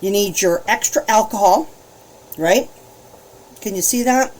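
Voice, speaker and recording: A woman hosting a live painting demonstration, chatting in a bubbly way, laughing often and greeting viewers warmly. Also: medium pitch, measured pace. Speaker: alcohol ink painting host. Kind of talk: casual live-stream painting demo.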